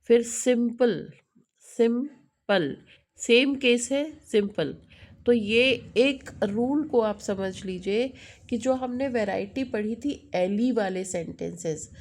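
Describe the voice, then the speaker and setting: A woman's voice: on the high side, takes it slowly, a little mellow. A middle-aged woman teaching an English lesson in Hindi mixed with English, often checking in with the listener and correcting herself.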